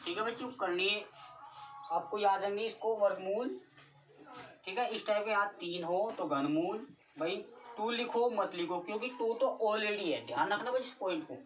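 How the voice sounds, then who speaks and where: A woman teaches a class-nine math lesson, repetitively questioning her students again and again. Her mid-range voice is expressive and at normal speed, picked up by a distant mic with faint noise.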